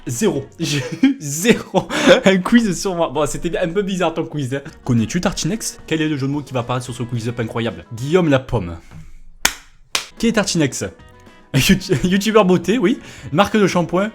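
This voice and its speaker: A man with a slightly higher-than-usual voice chats through a quiz game, teasing and self-mocking as he answers. He talks close into a headset mic, with faint music underneath. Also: lively intonation, normal speed. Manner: joking, self-mocking, chatty asides. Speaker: gaming YouTuber. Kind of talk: casual quiz-game commentary. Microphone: gaming headset.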